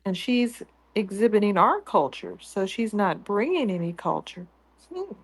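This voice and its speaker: A woman co-hosting a casual talk show, speaking in a deliberate, confident way with dry humor. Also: medium pitch, animated, gravelly, slightly rough. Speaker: co-host.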